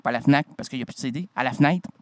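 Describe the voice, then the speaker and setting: A man's voice: mid-range voice, very fast, slight background noise. A man hosting a radio show, joking and rambling in a playful, goofy way with a nasal voice. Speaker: radio host. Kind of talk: comic radio banter.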